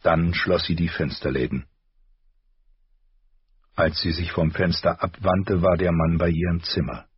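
Male audiobook narrator, low and husky, measured, slightly dull recording. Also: no echo. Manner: measured, even storytelling.

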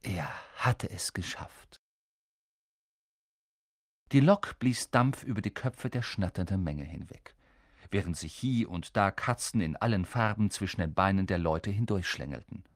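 A man reading a children's fantasy novel aloud as a lively, dramatic audiobook narrator. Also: fairly low pitch, dry recording, clean studio sound. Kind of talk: scripted narration.

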